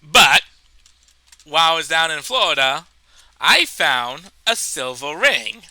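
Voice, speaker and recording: A man tells a funny story from his own life, rambling and animated, with plenty of fillers and restarts. His voice sits high and sounds very sharp and edgy, and his nose is a bit stuffed up. The sound is dry and close, with no room echo. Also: takes it slowly. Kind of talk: comedic personal story.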